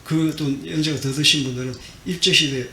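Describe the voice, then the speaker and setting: A middle-aged male pastor giving a Sunday sermon, swinging between quiet and loud and asking the congregation questions. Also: fairly even intonation, brisk. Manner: dramatic swings in loudness, acting out the prophet's complaints. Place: church sanctuary. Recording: echoey church hall with faint rumble.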